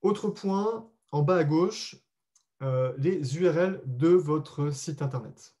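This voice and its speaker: Leading a live online SEO training, this presenter has a fairly high, warm, relaxed voice. His explanations are patient yet full of pauses as he searches for words, and he addresses his audience politely and directly.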